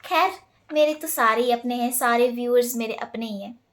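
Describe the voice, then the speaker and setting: A young woman speaks straight to her followers in a relaxed question-and-answer vlog. She tells stories in a chatty, animated way, laughs often and drops in English phrases. Her voice sits high. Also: moderate pace. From Himalayan India. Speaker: vlogger. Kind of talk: casual Q&A vlog.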